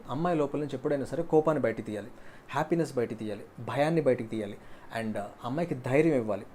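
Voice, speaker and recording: A man talking quickly in a mellow, warm voice, giving relationship advice in a casual way. He is animated and tells stories, acting out the people he quotes. His voice sits a little high for a man. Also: a little hiss or hum. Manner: animated, storytelling, acts out quoted characters.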